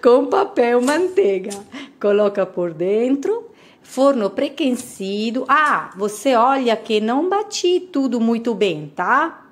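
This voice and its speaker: Slow, higher-voiced woman with Italian accent. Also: big pitch swings. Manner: halting, searching for words in a second language. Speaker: home cooking host. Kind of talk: casual recipe voice-over.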